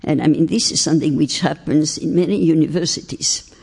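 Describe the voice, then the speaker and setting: Speaking on faith and philosophy, this older French-native woman has a deep, steady, husky voice with a creaky, darkish tone. Her delivery is deliberate and emphatic, stretching key words as she lectures, and the hall adds a long reverb.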